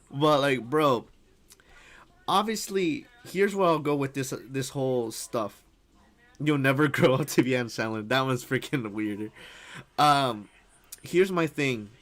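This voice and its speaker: A young man talks over a video he is reacting to, looping back on himself with fillers and slang. His pitch sits in an ordinary middle range, and he breaks into laughter often. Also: animated, measured pace, fairly bright tone. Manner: rambling, lots of fillers and "freaking", laughs often. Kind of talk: casual reaction commentary.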